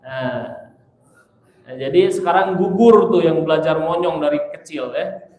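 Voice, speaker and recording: A man's voice: on the high side, unhurried, a little mellow. A middle-aged man teaching Quran pronunciation, patiently repeating letter sounds to demonstrate them. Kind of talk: tajwid lesson with spoken demonstrations. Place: large mosque hall. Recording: very echoey mosque hall.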